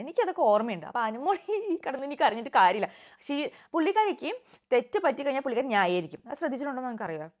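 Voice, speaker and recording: Rapid-talking opinionated woman. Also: a little high. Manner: rapid, opinionated, mixes in English words. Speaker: reality show reviewer. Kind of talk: casual vlog commentary.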